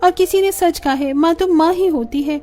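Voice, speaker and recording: A woman voicing a group of emotional young married daughters in an animated story, pleading and tearful by turns. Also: very high-pitched, moderate pace, faint music behind, pitched above the performer's own voice. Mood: eager.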